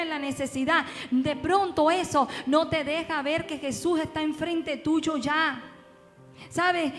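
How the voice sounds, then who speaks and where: A woman's voice: high-pitched, a bit bright. A woman pastor preaching a sermon, asking her congregation one rhetorical question after another. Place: church. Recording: long reverb with faint music.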